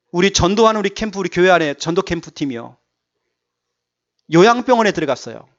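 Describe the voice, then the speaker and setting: High-voiced pastor. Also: male voice, fairly bright tone. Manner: emphatic, repeats key words, exhorting the congregation. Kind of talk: sermon. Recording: dull lo-fi church recording.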